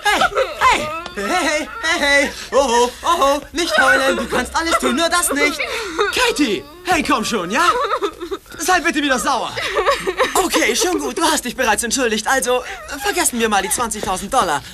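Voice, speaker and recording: A woman's voice: sits high, animated, moderate pace, a loud crowd. A woman dubbing a self-centered, ambitious teenage boy who talks in an indignant, then pleading way. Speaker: dub actor.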